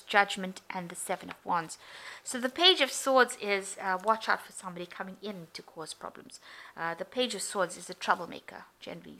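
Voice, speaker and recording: A woman's voice: medium pitch, pushed and bright. A woman giving an unscripted, mystical tarot horoscope reading, advising the listener directly like a fortune-teller. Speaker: tarot reader.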